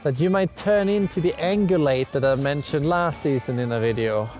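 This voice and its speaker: Out on a mountain, a young man teaches skiing in a relaxed, instructional talk to camera. He speaks fairly quickly, with a higher pitch and a darkish tone, over background music.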